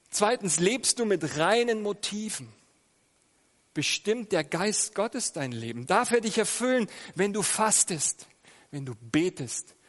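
Male preacher, slightly high voice, questioning and emphatic, long church-hall reverb. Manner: asks the listeners many direct questions; swells loud on key phrases, drops soft in prayer. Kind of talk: sermon with prayer.

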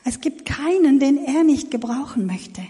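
A woman's voice: sits high, expressive, moderate pace, mellow. A woman interpreting a sermon phrase by phrase, with small stumbles and restarts. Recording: reverberant hall.

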